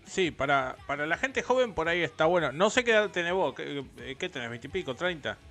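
Argentine radio host guy, 40s, chatty and opinionated, bright voice, soft music behind. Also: a little high, very animated, fairly quick. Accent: Argentine Rioplatense. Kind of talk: casual radio interview.

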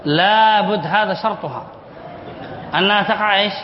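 A man's voice: high-pitched, moderate pace. A sheikh teaching Arabic spelling rules in a classroom lesson, reading from a text and explaining it, repeating key words and quizzing his students. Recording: echoey hall, dull lo-fi sound.

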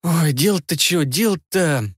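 A man reading an audiobook and voicing an enchanted frog who is really a sharp-tongued young woman, speaking high and bossy. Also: lively intonation, unhurried, husky, dry recording, clean studio sound. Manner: bossy, exasperated, high-pitched. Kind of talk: audiobook character voice.

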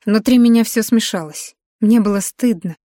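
A woman narrating a novel in the first person with a measured, expressive reading. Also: mid-range voice, no echo, studio quality. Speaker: audiobook narrator.

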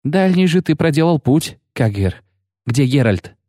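A man's voice: on the high side, sing-song, measured pace, warm tone, no room sound, clean studio sound, voice pushed up. A man voicing a defiant young woman warrior on the run. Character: young female fugitive warrior, defiant and quick.

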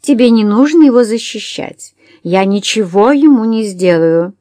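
A woman's voice: lively intonation, mellow, no echo, clean studio sound, lightly acted. A woman doing a drunk, raging society woman. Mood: mocking laughter. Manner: shrill, jeering, slow and scornful.

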